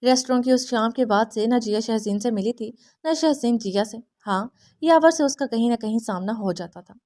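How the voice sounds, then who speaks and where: A woman narrating a romance novel in a steady, even reading voice. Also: on the high side. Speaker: audiobook narrator.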